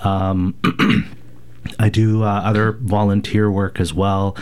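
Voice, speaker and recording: A man from rural Alberta, Canada speaks on a radio interview while getting over a cold. His voice sits low and smooth, and his answers come slowly and thoughtfully, broken up by many ums and uhs. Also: little pitch movement, darkish tone. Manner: thoughtful, hesitant, many fillers. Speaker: radio station board president, guest.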